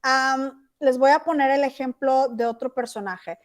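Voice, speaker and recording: A woman with a Mexican accent teaches a class over a video call. Her voice sits high, and her talk is chatty, with frequent checks that everyone is following along. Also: a little slow. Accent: Mexican Spanish. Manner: chatty, asks checking questions. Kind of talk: online class lecture.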